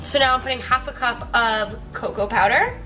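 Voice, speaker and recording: A young woman with a fairly high voice talks casually through a home baking session. She rambles a little, with plenty of fillers and giggles. Music plays behind her. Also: moderate pace, pushed and bright. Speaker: vlogger. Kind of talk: casual cooking vlog chat. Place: home kitchen.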